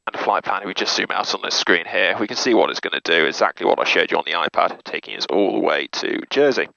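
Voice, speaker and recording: A deep-voiced man talks fast and expressively, his tone pushed and bright, in a dry recording. Presenting as a pilot in a small turboprop cockpit, he methodically works through hands-on cockpit checks item by item. The audio is muffled, with aircraft noise clearly audible.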